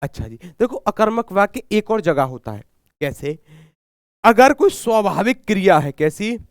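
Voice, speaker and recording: Hindi tutor with a sore throat. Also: male voice, high-pitched, very animated, normal speed, smooth, dry recording, clean studio sound. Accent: Haryanvi. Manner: asks the class a question and answers it himself; repeats key words, calls himself guruji. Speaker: Hindi exam teacher. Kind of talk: live online class.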